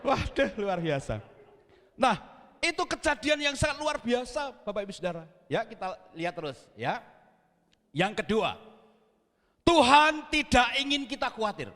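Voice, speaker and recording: A man's voice: high voice, very animated, moderate pace, fairly bright tone. A man with a Javanese accent preaching a sermon as pastor, telling a story and acting out scenes with sound words. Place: church hall. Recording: long reverb of a church hall.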